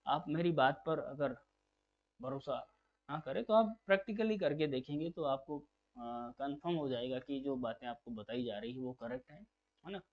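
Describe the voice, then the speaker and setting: A man with a slightly high voice gives a lecture on phonetics for exam preparation. He explains step by step and drills each key term by asking it back and answering it. The recording is muffled and lo-fi. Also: expressive, normal speed. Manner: patient, repeats key terms as questions to drill them. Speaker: phonetics teacher. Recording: dull lo-fi recording.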